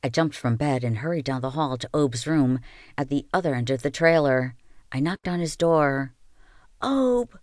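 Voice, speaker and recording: A reader narrating a novel aloud in a calm, even storytelling manner. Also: medium pitch, moderate pace, dry recording, clean studio sound. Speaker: audiobook reader.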